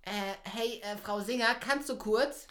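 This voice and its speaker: A woman's voice: on the high side, a little slow, fairly bright tone. A woman voicing a playful, teasing young kindergarten boy in a children's audio drama. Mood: explaining. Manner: teasing, matter-of-fact.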